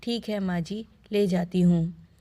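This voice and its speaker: A woman playing a dutiful young daughter-in-law who answers softly and calmly. The voice is low, unhurried and mellow. She is the patient wife in a spoken family tale. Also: close to an everyday voice. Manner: soft, obliging replies.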